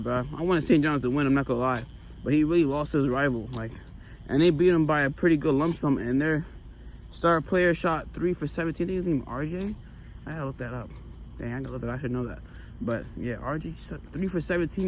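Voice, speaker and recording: An American man chatting casually about sports while walking, emphatic and animated, often repeating phrases for emphasis. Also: fairly high pitch, poor audio. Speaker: sports vlogger. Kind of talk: casual rambling sports chat. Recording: clear street noise with passing vehicles.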